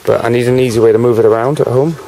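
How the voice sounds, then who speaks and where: A man's voice: medium pitch, very fast, warm tone, poor audio. A British man chatting casually on his own channel, rambling and peppering his talk with "you know", at times with a cigarette in his mouth. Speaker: vlogger.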